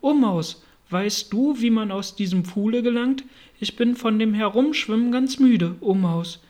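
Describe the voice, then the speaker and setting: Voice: mid-range voice, measured pace, a little mellow, close to an everyday voice. A reader voicing a polite, well-meaning young girl in a storybook reading, with an eager, apologetic, chattering manner.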